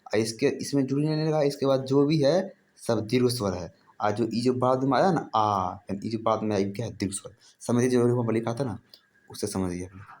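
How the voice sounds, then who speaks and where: Brisk and a little mellow, a mid-range male voice gives a laid-back, classroom-style talk on Hindi grammar. Calling listeners brother, he restates his points and answers the questions he puts to himself.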